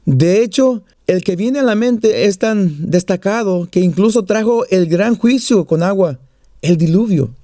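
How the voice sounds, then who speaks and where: A man's voice: high-pitched, lively intonation, measured pace, dark tone, dry recording, clean studio sound. A man preaching a sermon, mixing scripture and prayer with jokes and small stories. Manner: joking storyteller, plays out little voices.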